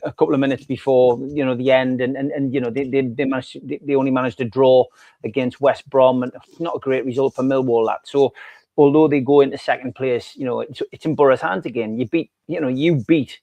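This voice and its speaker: A man with a North East English accent co-hosting a casual football podcast, talking in a halting way with many restarts and you knows. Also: mid-range voice, fairly even intonation, mellow, no room sound, muffled recording. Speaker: podcast co-host.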